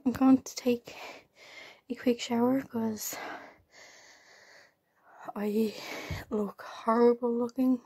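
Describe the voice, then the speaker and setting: A young woman with an Irish accent chats casually to her vlog viewers in a rambling, halting way, often repeating herself. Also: a little high, vocal fry, mellow, breathy edge. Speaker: vlogger. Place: at home, in a room.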